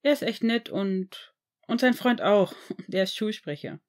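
A shy teenage boy wizard, read by a woman in a fan-made audiobook. He speaks in a hesitant, halting way and sounds a little embarrassed. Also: mid-range voice, expressive, close to an everyday voice.

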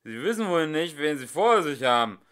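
Man doing a loud, drunken, bragging singer for an audiobook; bright, shouty and sloppy. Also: mid-range voice, expressive, a little slow. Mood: angry. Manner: blustering, shouting, slurred and sloppy. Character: drunken boastful male minstrel, loud and pompous. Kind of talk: audiobook character voice.

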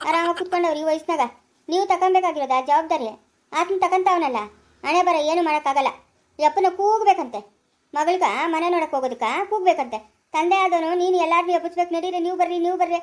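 High-pitched nagging village woman, acted by a woman, chikkaballapura kannada, rattles it off quick. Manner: scolding, nagging. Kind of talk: family skit acting.

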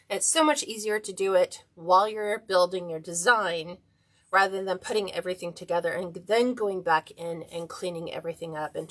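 A woman's voice: medium pitch, fairly bright tone. A woman hosting a live-streamed wreath-making tutorial, chatting casually and greeting viewers by name as she works. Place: indoor craft table, overhead camera.

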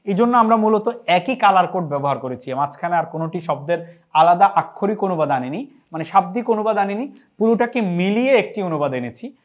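A man with a Bangladeshi Bengali accent teaching a spoken Arabic lesson, drilling phrases slowly and repeating each one. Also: high-pitched, lo-fi sound. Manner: slow, careful drilling of phrases with repetition.

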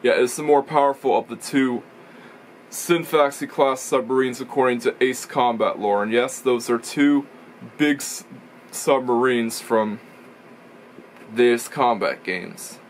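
A young man gives casual vlog commentary reviewing racing videos, rambling and self-correcting as he explains. His mid-range voice moves at a measured pace. Captured by a camera or webcam in front of him in a small toy-shelved room, the audio is poor with some hiss or hum.

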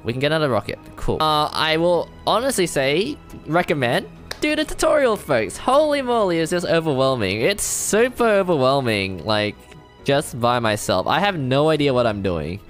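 A man giving casual let's-play commentary, thinking aloud, excitable and self-deprecating as he works things out. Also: mid-range voice, normal speed. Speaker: gamer playing a strategy game. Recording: faint game music behind.

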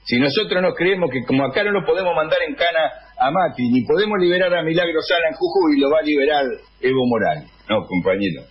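An Argentine man hosting a radio show, delivering a political editorial in deliberate phrases with pauses. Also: fairly high pitch, expressive, husky, muffled recording. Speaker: radio host.

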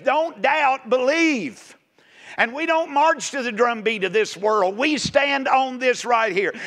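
A man's voice: very high-pitched, fairly bright tone. A man preaching a sermon in a nearly empty church, folksy and rising to emphatic exhortation. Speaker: pastor.

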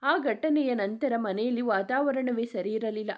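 A woman reading a dramatic family story aloud in a steady narrating voice. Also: fairly high pitch, a little slow.

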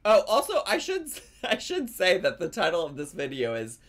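A man in his thirties gives casual comedic reaction commentary, sounding mocking, expressive and incredulous. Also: high-pitched, moderate pace. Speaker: streamer reacting to videos. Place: small indoor room, streaming on camera.

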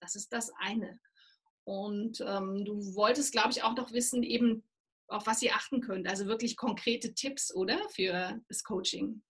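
A woman working as a voice and presentation trainer, explaining calmly and instructively in an interview. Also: mid-range voice, a little slow, breathy edge. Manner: calm, instructive, demonstrates breathing.

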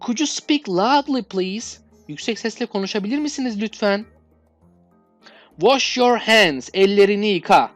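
A woman with a Turkish accent teaching English requests, reading each English phrase slowly and clearly before explaining it. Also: a little high, no room sound.

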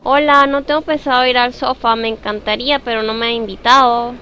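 Young woman streamer, high and bright, nervous live horror-game commentary. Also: fairly even intonation, a little fast, a little hiss or hum. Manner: jittery, scared, talks to her viewers and greets them by name. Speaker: gaming streamer.

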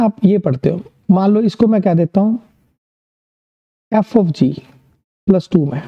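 A man's voice: high-pitched, lo-fi sound. Upbeat Indian male maths teacher. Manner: upbeat, encouraging, asks and answers his own questions. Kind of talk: online maths lesson.

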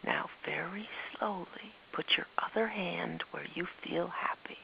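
Brief: a woman doing a kindly older woman, slow, soft and coaxing, with a gravelly texture on a dull recording. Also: mid-range voice, big pitch swings, voice pushed up, exaggerated voice. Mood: soothing. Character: gentle, wise older woman guiding a child. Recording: muffled with faint hiss.

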